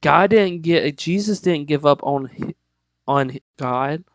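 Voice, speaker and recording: A man's voice: fairly high pitch, slow, no room sound, rough recording. A man preaching a casual sermon, chatty and joking, with pop-culture asides and frequent laughs.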